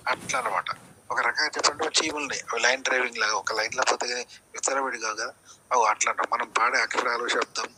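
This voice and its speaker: A man's voice: medium pitch, steady tone, fast talker, noisy background. A man giving a rambling spoken lecture as a channel host, looping back with repeated phrases and rhetorical questions.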